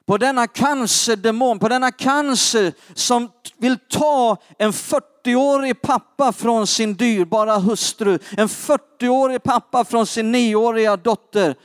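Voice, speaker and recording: A man preaching a testimony with dramatic swings between hushed asides and fervent peaks. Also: very high-pitched, hardly any pauses, no echo, clean studio sound. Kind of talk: sermon testimony.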